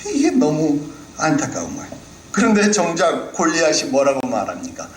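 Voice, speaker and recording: A man's voice: fairly high pitch, wildly swooping pitch, moderate pace. A male pastor preaching a sermon, who keeps turning to the congregation with questions and acts out the figures he quotes. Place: church sanctuary. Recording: roomy hall with faint room noise.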